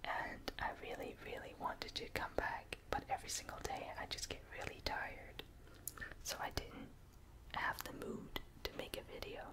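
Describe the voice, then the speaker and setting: A young person speaks entirely in a soft whisper, very slowly and without hurry. The delivery is a casual ASMR ramble, breathy and intimate, placed right up at the ears through a close binaural microphone. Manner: whispering ear to ear, close to the listener. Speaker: ASMR video maker.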